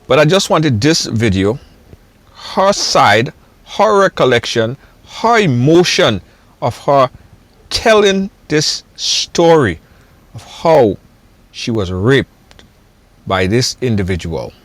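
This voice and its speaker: A man's voice: medium pitch, sing-song, slow, long pauses, no room sound. A man hosting a channel, introducing a video and urging viewers to keep watching. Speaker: channel host.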